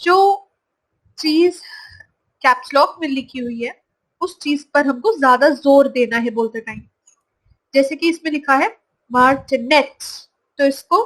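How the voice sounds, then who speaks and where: A woman teaching English vocabulary from slides, saying each word slowly and repeating it. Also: high voice, low-quality recording. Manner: slow, drawn-out pronunciation of each word, repeated. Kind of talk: slide-based vocabulary lesson.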